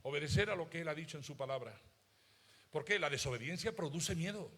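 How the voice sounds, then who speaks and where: A pastor delivers a passionate sermon in a high, bright voice. His pitch leaps and falls widely as he swings between loud exclamations and hushed, confiding asides. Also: animated, a little fast. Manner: acts out worried voices of doubters.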